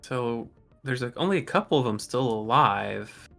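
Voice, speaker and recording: A man playing a tabletop role-playing game, calmly talking through his character's moves step by step. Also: mid-range voice, normal speed, gravelly, soft background music. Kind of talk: casual tabletop game talk.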